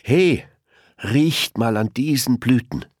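A man's voice: medium pitch, expressive, takes it slowly, a little mellow, breathy edge, no room sound, studio quality, voice pushed up. A man voicing a friendly, curious patchwork elephant in a children's storybook, eagerly calling out to others.

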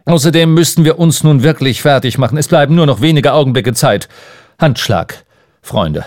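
A sober, earnest grown man who gives firm instructions, as an audiobook narrator puts him on. His delivery stays matter-of-fact, with a lively rise and fall. The sound is dry and close. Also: on the high side, moderate pace, dry recording, close to an everyday voice. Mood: urgent. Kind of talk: audiobook character reading.

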